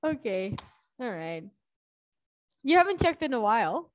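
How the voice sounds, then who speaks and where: A woman's voice: a little high, big pitch swings, unhurried. A young woman teacher chatting casually with students in an online class over a video call, laughing often between remarks. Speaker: English teacher.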